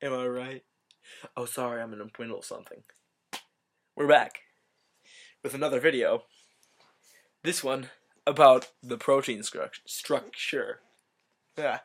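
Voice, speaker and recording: A man's voice: medium pitch, unhurried, long pauses. A man casually explaining a biology topic in a rambling way, correcting himself often and cracking little jokes. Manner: rambling, self-correcting, joking asides.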